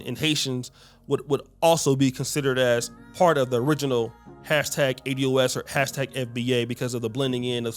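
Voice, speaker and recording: A man's voice: fairly high pitch, fairly bright tone. A man reacting to a clip in an earnest, lecturing commentary with rhetorical questions, speaking into a studio mic. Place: small studio set. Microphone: studio mic with headphones.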